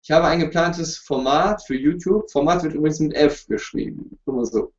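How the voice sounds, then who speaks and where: A YouTuber hosting a livestream chats casually from his home, seated before a couch, fielding viewer questions with jokes and apologies. His voice sits on the high side at a moderate pace. The stream's webcam audio is roomy, distant, and dull.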